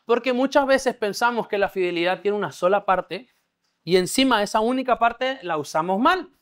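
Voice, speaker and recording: Pastor preaching a discipleship sermon. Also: male voice, high voice, animated, normal speed, fairly bright tone. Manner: checks understanding, leads call-and-response. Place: church gathering with a live congregation.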